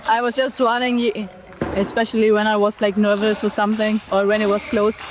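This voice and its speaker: Flat-toned woman athlete in her twenties. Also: mid-range voice, a little fast, background noise. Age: 20s.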